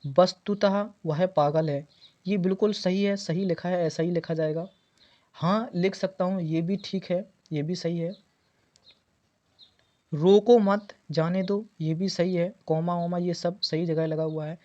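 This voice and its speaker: A man's voice: high-pitched, fairly even intonation, moderate pace, a little mellow. A man teaching an exam preparation lesson, going through quiz answers and patiently repeating key words. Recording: dull lo-fi audio.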